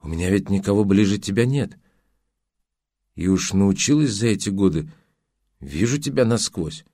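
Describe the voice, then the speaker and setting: A man's voice: lowish voice, expressive, normal speed, mellow, dry recording, studio quality. A man reading an audiobook, voicing a stern, caring older former nanny who questions strictly.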